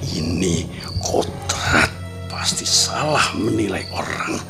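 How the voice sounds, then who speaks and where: An actor playing a proud, bossy uncle and fighter in old radio drama style, theatrical. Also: male voice, low-pitched, animated, slow pace, vocal fry, exaggerated voice. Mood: awed, musing. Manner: theatrical, muttering to exclaiming. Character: gruff, bossy uncle, a proud martial-arts man. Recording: radio drama with music behind.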